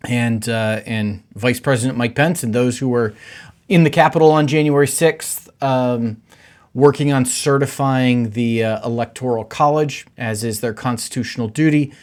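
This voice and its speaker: A middle-aged man, a pastor, hosting his own podcast in a relaxed, conversational way with many filler words. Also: mid-range voice. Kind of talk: casual podcast monologue.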